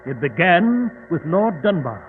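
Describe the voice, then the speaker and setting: A man's voice: on the high side, big pitch swings, measured pace. A man playing an earnest, genteel doctor who recounts adventures in a dramatic, old-fashioned manner on a 1940s radio show. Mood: genial storytelling. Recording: tinny, hissy 1940s radio recording.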